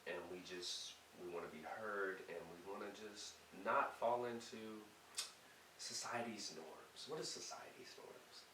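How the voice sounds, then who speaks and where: Deep-voiced man, reflective, in an echoey room. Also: measured pace, pushed and bright. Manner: reflective, laid-back, frequent agreeing. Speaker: guest friend. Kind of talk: casual chat. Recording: roomy, distant, faint hiss.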